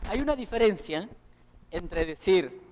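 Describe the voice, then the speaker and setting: A man from El Salvador preaching a sermon in a church, animated and acting out the voices he quotes. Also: high-pitched, unhurried. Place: church hall. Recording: long reverb of a church hall.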